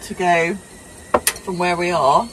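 A woman's voice: fairly low pitch, steady tone, slow pace, background noise. A woman chatting playfully with a friend inside a small camper van at night, explaining plans step by step. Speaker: travel companion. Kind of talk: casual chat.

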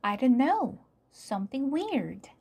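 A woman voicing an anxious young boy who tries to stay calm, with earnest, urgent storybook dialogue. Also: high-pitched, slow, gravelly, slightly rough, voice pushed up, heavily acted.

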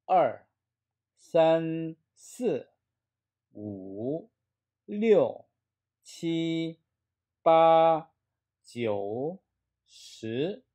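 Teaching beginners Chinese in a classroom lecture, a man explains tones and says syllables aloud for the class to echo back. His voice is mellow and mid-range.

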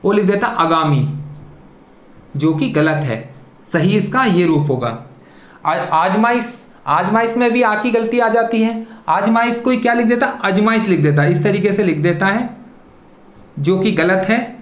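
A teacher runs an exam-prep spelling lesson at a middle pitch. The teacher poses questions and answers each one, breaking words into syllables. The voice rings in a roomy, echoing space. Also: moderate pace. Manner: rhetorical questions, then the answer. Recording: echoey room.

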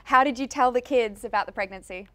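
A woman's voice: on the high side, sharp tone. A woman hosting an entertainment interview and asking questions in a friendly, upbeat way. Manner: friendly and upbeat, with quick laughs. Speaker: entertainment show host.

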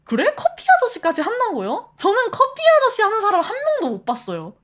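A woman streamer chatting away with her viewers in a high, bright voice. Her pitch swings up and down constantly as she reacts to the chat with laughter and surprise. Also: a little fast. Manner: animated, laughs often, reads chat aloud.

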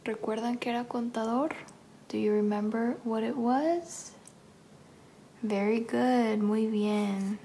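A woman teacher working through a grammar lesson in a slightly high, gravelly voice. She talks slowly and softly and says every sentence twice, once in Spanish and once in English. A faint hum sits behind her. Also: fairly even intonation, low-quality recording. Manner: slow, careful, soft-spoken delivery.

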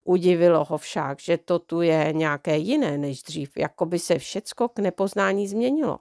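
A woman reading a children's book aloud in a calm, even storytelling manner, her voice slightly under the weather. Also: on the low side, dry recording, studio quality. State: slightly unwell voice. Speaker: audiobook reader.

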